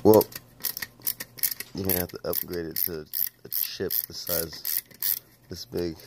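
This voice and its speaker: A man's voice: deep voice, little pitch movement, a little slow, heavy background noise. A man hosting a casual chat while watching a repair, joking playfully and often laughing.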